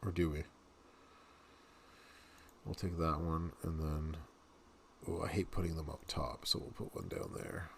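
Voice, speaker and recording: A man's voice: extremely low pitch, level tone, unhurried, vocal fry, long pauses, a little hiss or hum. A man in his thirties, a game streamer, chatting casually to viewers and laughing often as he plays. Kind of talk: casual gameplay commentary.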